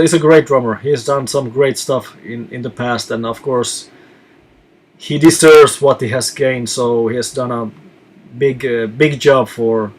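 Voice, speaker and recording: He is a Finnish man with a medium-pitched voice, a touring musician hosting an easygoing live chat where he reads viewers' questions aloud and responds.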